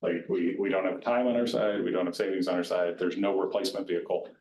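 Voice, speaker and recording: In a county board meeting room with roomy echo, a man gives county staff plain-spoken, conversational advice on retirement plans as an informal educational presentation. He talks fast in a deep, darkish voice with fairly even intonation.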